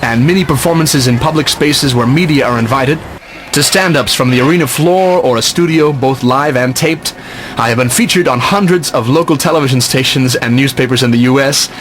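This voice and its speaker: A man giving scripted promotional narration about his own career, in measured, polished announcer phrasing. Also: mid-range voice, slight background noise. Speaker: ringmaster presenting own career reel. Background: loud music.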